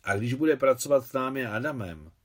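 A man reading an audiobook, voicing a calm, perceptive middle-aged woman who patiently explains things to her husband. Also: medium pitch, pitched above the performer's own voice, natural voice. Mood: explaining. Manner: patient, explaining, gently chiding.

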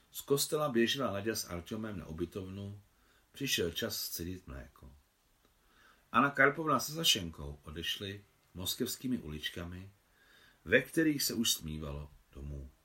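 A man reads a translated novel aloud in an expressive, lively way. His low voice rises and falls widely and has a bright, forceful edge. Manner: expressive reading with wide pitch swings. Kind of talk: author reading of a novel.

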